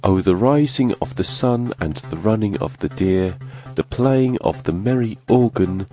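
A man's voice: on the low side, lively intonation, unhurried, mellow, soft background music. A man with a congested, nasal voice from a cold, hosting a quiz podcast in an orderly, scripted way. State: has a cold, sniffly.

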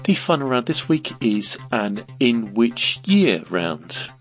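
A man reads quiz questions at a slow, deliberate pace, his pitch rising and falling in a lively way. Soft music plays under his voice throughout. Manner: measured, clear delivery. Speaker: quiz host.

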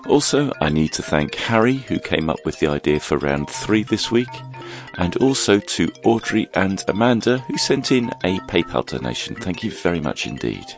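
A man with a croaky, froggy voice from a bug, hosting a quiz podcast in a scripted narration style. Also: low voice, sing-song, normal speed, over music.

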